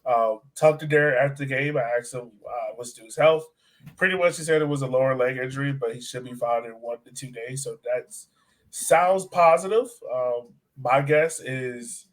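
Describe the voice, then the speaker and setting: An American man hosts a soccer podcast in a casual, conversational sports-talk style, steering the discussion with curiosity. His voice is on the high side and animated, moving at a normal speed.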